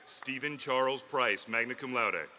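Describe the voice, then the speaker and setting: A man reading out graduates' names one by one at an outdoor commencement ceremony, steady and formal into a podium mic. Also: mid-range voice, unhurried, noisy background. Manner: steady, clear formal announcing. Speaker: commencement name reader.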